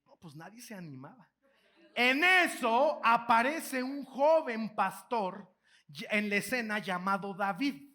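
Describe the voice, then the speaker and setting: High-voiced, bright Mexican speaker. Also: male voice, slow pace. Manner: animated, slangy, joking retelling. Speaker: keynote speaker. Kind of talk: motivational keynote storytelling.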